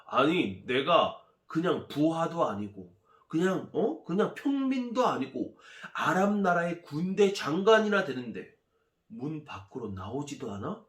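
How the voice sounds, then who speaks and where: A proud foreign general, put on by a man telling a story in church, bossy and indignant. His pitch swings widely as he barks and grumbles. The room around him rings with echo. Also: very animated, moderate pace, fairly bright tone, exaggerated voice.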